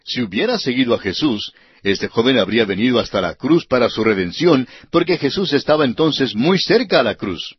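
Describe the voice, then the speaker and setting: Male radio Bible teacher, earnest sermon reading, husky timbre, dull old broadcast sound. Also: mid-range voice, expressive, normal speed, no echo. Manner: earnest, addresses the listener directly.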